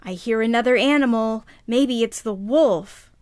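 A woman voicing a kind, timid little girl in a children's puppet show, sweet and deliberate. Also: fairly high pitch, a little mellow, smooth, no room sound, studio quality, close to an everyday voice. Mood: nervous.

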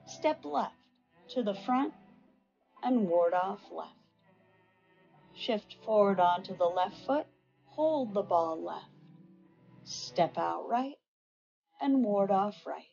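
An older woman instructor calling out tai chi movements in serene, measured short phrases. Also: mid-range voice, animated, creaky, warm tone, dull audio, faint music behind.

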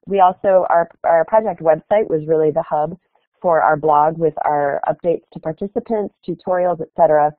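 With a low voice and a moderate pace, this keynote speaker from the Chicago area walks through her project at an online conference. The video-call sound is tinny and phone-like without echo, and she's earnest, using some fillers.

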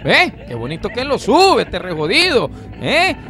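High bright nicaraguan guy mocking folks, voice jumps all over, faint music. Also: huge pitch swings, measured pace. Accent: Nicaraguan Spanish. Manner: teasing, mocking. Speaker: comedy radio performer. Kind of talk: mocking comic commentary.

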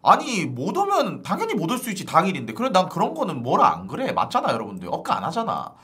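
A man's voice: high-pitched, huge pitch swings, fast, bright, forceful tone. A male streamer ranting to his viewers in casual live-stream chat, exasperated and starting lines over and over. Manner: exasperated, ranting, repeats "아니" constantly.

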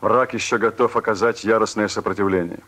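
An actor playing a middle-aged, authoritative Red Army commander speaking deliberately in a war film. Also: male voice, lowish voice, fairly even intonation, a bit bright, a little hiss or hum, close to an everyday voice. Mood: stern, measured. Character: stern, measured senior Red Army commander.

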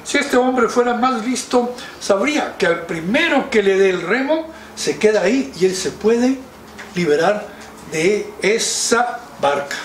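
A man's voice: high voice, lively intonation, unhurried, a little hiss or hum, pitched above the performer's own voice. A man voicing a grumpy, sleepy dragon who whines about being woken, told as a children's story. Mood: irritated. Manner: whiny, exasperated complaining. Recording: roomy, distant mic.

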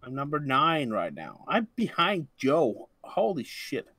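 A man's voice: mid-range voice, unhurried, slightly rough. A European man co-hosting a game development stream, joking and chatting casually. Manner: lively, joking, laughs easily. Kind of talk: casual chat while gaming.

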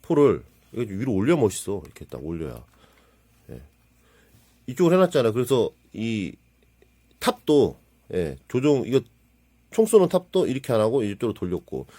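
Excitable husky man narrating a model build. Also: lowish voice, normal speed, pauses often. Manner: excitable, exclaims and mutters while handling parts. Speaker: model kit builder reviewing his build. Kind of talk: casual hands-on hobby narration.

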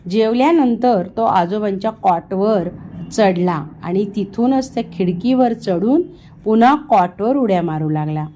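A woman narrating a children's story in a gentle, measured way. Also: medium pitch, lively intonation, slight background noise. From India.

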